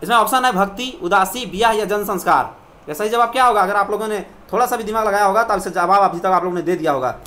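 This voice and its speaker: A woman teaching an exam-prep quiz lesson. She reads folk song verses slowly in a sing-song lilt, then asks her listeners for the answer. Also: mid-range voice, a bit bright.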